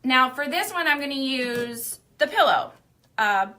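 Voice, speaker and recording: A woman's voice: high voice, lively intonation, a little slow, pushed and bright. A young woman hosting a live craft demonstration, talking casually with lots of fillers as she works. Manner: chatty, lots of likes and fillers. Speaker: craft demo host. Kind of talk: live demo chat.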